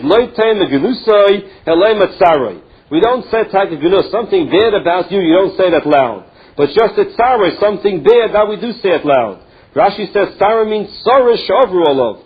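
A man teaching a Talmud lesson, reading the text and explaining it phrase by phrase with halting restarts. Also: high-pitched, lively intonation, breathy edge, muffled recording.

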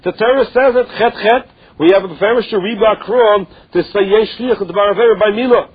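Male Talmud teacher, high husky voice, Yiddish-influenced accent, question-and-answer explaining, lo-fi sound. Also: brisk. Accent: Yiddish-influenced English. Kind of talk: religious text lesson, reading and explaining. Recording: dull lo-fi recording.

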